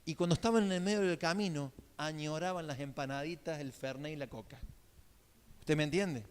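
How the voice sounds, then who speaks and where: A man's voice: a little high, brisk, clear, resonant tone. A man with a Córdoba accent, preaching a sermon as pastor in a chatty style, often checking in with the congregation. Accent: Argentine, Córdoba. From Argentina. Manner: conversational preaching with frequent check-in questions. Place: church sanctuary. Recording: long church hall reverb.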